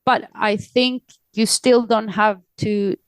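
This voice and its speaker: As a guest on a podcast, a woman from Sweden, director of an aid organisation, reflects on interview questions in Swedish-accented English, searching hesitantly for her words. She speaks slowly in a steady, medium-pitched voice. The tone is clean, with no echo.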